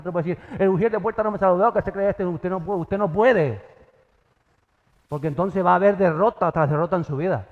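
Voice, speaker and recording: Pastor preaching in a ringing hall. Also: male voice. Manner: acts out dialogue with sudden pitch jumps. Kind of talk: sermon. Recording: dull sound, long church reverb.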